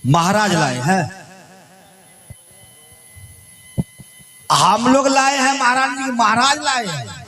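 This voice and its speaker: A man's voice: extremely high pitch, very animated, normal speed, sharp tone, a little hiss or hum, full character voice. A man playing a chubby, joking palace soldier in a folk stage comedy, teasing in a sing-song way.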